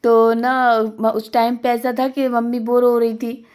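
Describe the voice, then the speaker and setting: A woman's voice: on the high side, flat delivery, a little slow, warm tone, smooth. A young woman chatting casually as she narrates her family vlog, rambling and laughing as she recounts the day. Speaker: vlogger.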